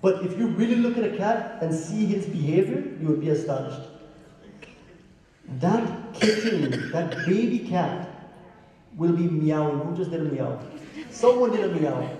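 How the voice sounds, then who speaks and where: A man's voice: a little high, lively intonation, measured pace, mellow. A man from Guyana preaching a sermon to a congregation, asking them questions and chanting Sanskrit verses. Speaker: pandit preaching. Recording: echoey hall, heard from far off.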